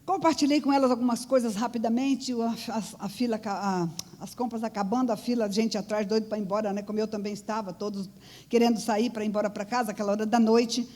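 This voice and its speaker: A woman's voice: on the high side, steady tone, quick pace, warm tone. A woman preaching in church, telling a personal testimony in an earnest storytelling way. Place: church hall. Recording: long church-hall reverb.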